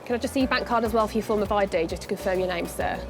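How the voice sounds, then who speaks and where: Brisk, fast-talking female train conductor. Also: mid-range voice, music in the background. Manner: polite, brisk, official phrasing. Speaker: train ticket inspector, conductor. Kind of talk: train conductor patter, checking tickets and issuing penalties. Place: on board trains and around a busy station.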